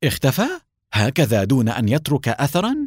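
A man voicing an excitable young friend. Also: lowish voice, a little fast, dry recording, studio quality, close to an everyday voice. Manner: excited, astonished.

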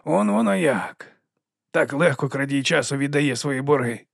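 A man voicing an ancient, wily monk sweeper who teases and chides in a raised, lively voice. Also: mid-range voice, normal speed, vocal fry, dry recording, clean studio sound. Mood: sly teasing. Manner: teasing, chiding, lively.

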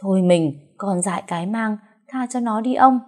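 A woman's voice: medium pitch, moderate pace, voice pushed up, close to an everyday voice. A woman voicing an older first wife who scolds sharply. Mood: pleading.

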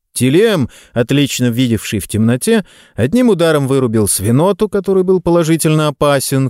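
A man narrating an audiobook in an expressive storytelling manner. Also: mid-range voice, no echo, studio quality. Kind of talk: scripted narration.

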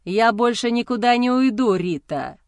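Woman doing an angry jealous husband, growly and sneering, slow and heavy, dry close sound. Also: on the high side, lively intonation, no room sound. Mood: snarling. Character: angry jealous husband, grown man, menacing.

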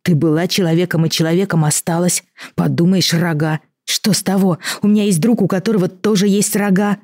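A woman doing a calm, matter-of-fact girl. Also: lowish voice, fairly quick, dry recording, clean studio sound, pitched above the performer's own voice. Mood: soothing. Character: calm, practical girl with a bow.

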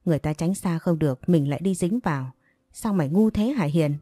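A woman's voice: on the low side, animated, no echo, studio quality, faint music behind. Woman voicing a blunt, scolding village girl. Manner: scolding, quick and forceful. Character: blunt young village woman, bossy friend.

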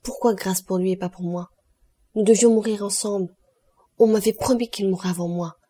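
Desperate condemned man, shouting, frantic, a woman doing it, husky, audiobook. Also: mid-range voice, fairly even intonation, moderate pace, natural voice.

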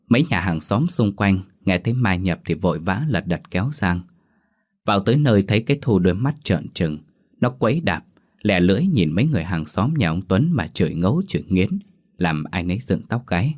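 A man narrating a horror story dramatically. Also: low-pitched. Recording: faint music behind.

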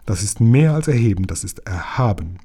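A self-important schoolteacher speaks in a low, solemn, pompous tone, voiced by a man. The voice is dark and husky. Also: animated, normal speed, heavily acted.

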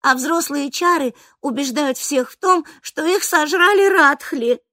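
A woman voicing a worried, indignant young girl who speaks high and protesting. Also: pushed and bright, no room sound, studio quality. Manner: high-pitched, quick to protest.

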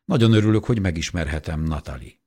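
A man playing a gentle old gentleman with a low, husky, unhurried voice. He speaks softly and kindly, with a sly, teasing charm, as an audiobook reading. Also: lively intonation.

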